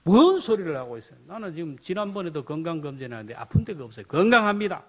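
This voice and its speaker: A man's voice: fairly high pitch, very animated, fast. A male pastor voicing a businessman who has lost everything and pleads in despair, on a dull lo-fi recording. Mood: indignant. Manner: pleading, then protesting. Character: despairing ruined businessman, later indignant. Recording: dull lo-fi sound.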